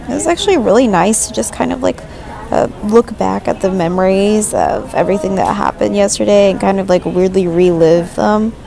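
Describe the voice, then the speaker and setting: Creaky-voiced young woman vlogging. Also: medium pitch, warm tone. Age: young adult. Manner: rambling, self-deprecating, informal. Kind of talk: casual vlog chat to camera. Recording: noisy handheld vlog with background ambience.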